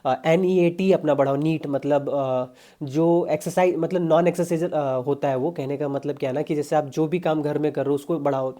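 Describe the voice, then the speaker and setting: Young male fitness vlogger, warm mellow voice, chatty and salesy. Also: on the high side, steady tone, moderate pace. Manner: chatty, pushy, addresses viewers as brother. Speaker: fitness coach. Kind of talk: casual diet advice vlog.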